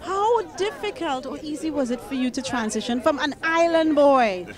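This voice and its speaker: A young woman working as an entertainment interviewer hosts a red carpet interview outdoors, speaking into a handheld mic. Her high-pitched, animated voice moves at normal speed, playful and gushing. Crowd chatter from the event fills the background.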